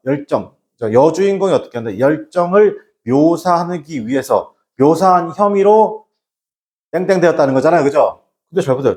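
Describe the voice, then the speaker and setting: A man's voice: fairly high pitch, darkish tone. A man lecturing a class on exam English, blunt and scolding, who keeps throwing rhetorical questions at his students. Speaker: English lecturer for transfer exams.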